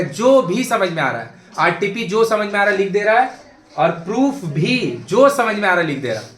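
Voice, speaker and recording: A high-voiced male math tutor, talking to his class in a chatty, joking, familiar way. His voice rings through a bare, echoey classroom and is picked up from some distance away. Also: fairly bright tone. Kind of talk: classroom lecture.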